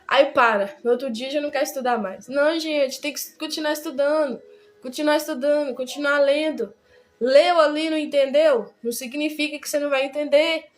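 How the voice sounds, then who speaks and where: A woman gives a casual Bible study. Her voice sits high, and she talks in a chatty, repetitive way, checking in with her listeners often. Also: brisk. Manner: chatty, repeats words, many tag questions. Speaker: Bible teacher.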